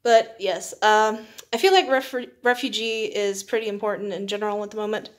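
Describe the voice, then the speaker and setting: A mid-range female voice, a little fast, belongs to a young book reviewer chatting on her video. She meanders casually, teasing herself and laughing lightly now and then.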